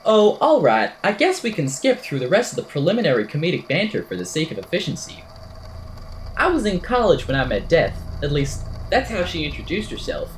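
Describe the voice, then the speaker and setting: In this amateur audio drama, a woman voices a quirky, whimsical podcaster spinning a supernatural yarn as a storytelling monologue. She talks briskly in a fairly low, lively, swinging voice, verbose and theatrical with wry deadpan, sounding musing and wry. The recording is low quality, with slight background noise.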